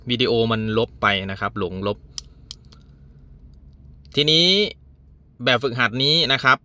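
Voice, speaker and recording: A man's voice: mid-range voice, a little slow, sharp tone. A male primary school teacher patiently walking young pupils through a workbook exercise step by step. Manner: patient, explains step by step with frequent polite particles. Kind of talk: worksheet lesson for young pupils.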